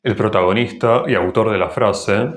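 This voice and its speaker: A man with a Rioplatense accent hosting a grammar lesson, explaining slowly and carefully pronouncing each example word. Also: on the low side. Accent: Rioplatense Spanish. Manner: slow, deliberate, enunciating example words. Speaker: Spanish teacher and channel host. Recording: echoey room.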